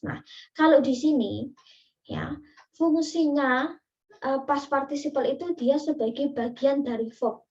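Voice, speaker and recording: Indonesian woman teacher, fairly high voice, chatty step-by-step explaining, heard from a distance. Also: a little mellow. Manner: explains step by step with many fillers and asides. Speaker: English teacher. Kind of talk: online class lecture. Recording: distant, muffled lo-fi recording.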